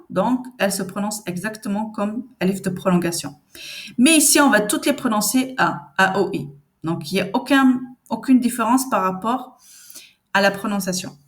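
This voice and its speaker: A woman teaching reading in a patient, conversational way, repeating sounds and syllables slowly and answering the questions she expects from learners. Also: mid-range voice. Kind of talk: step-by-step reading lesson.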